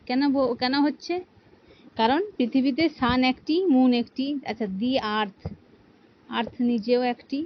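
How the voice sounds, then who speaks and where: A woman's voice: high-pitched, steady tone, unhurried, lo-fi sound, a little hiss or hum. A woman teaching an English grammar lesson, explaining patiently and asking her students rhetorical questions. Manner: patient, asks rhetorical questions, repeats "ঠিক আছে".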